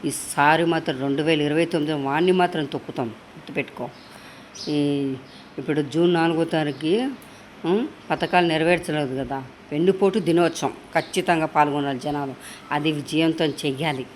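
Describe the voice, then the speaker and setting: A woman's voice: low voice, steady tone, moderate pace, slight background noise. A woman in an angry political rant, scolding and insulting as she keeps demanding agreement. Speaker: political supporter.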